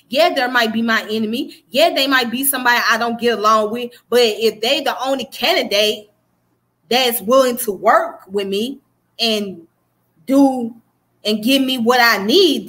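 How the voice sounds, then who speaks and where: At a normal speed, a woman with a voice on the high side and a bit bright leads a casual history livestream. She's in her thirties with a Southern US accent, emphatic and preachy, frequently pausing to ask her viewers "okay?" The sound comes from a webcam up close in a small room indoors.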